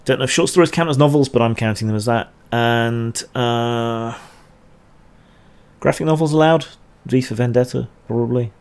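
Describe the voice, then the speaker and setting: A man's voice: medium pitch, normal speed, a little mellow, smooth. A man answering chat questions on a casual livestream, rambling and hesitant with dry asides.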